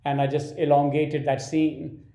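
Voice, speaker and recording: A man with an Indian accent, a film director telling animated behind-the-scenes stories in an interview, with many restarts. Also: a little high, unhurried, dull audio. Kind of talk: interview storytelling. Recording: roomy echoey sound.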